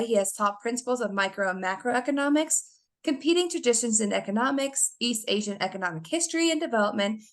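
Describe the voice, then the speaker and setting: A woman's voice: a little high, a bit bright. A woman hosting an academic podcast, reading a formal introduction and asking interview questions. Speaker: podcast host.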